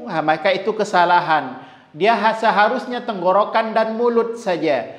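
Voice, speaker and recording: A man teaching tajweed, slowly demonstrating Arabic sounds and repeating syllables for students. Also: high voice, a bit bright. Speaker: Quran recitation teacher. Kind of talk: tajweed lesson with recited examples. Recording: echoey room with long reverb.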